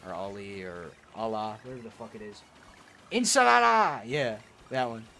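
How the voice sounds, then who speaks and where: Reading viewer messages aloud during a kart racing stream, a young man replies with foul-mouthed, crude jokes. His voice sits lowish and moves a bit quickly in this laid-back chat.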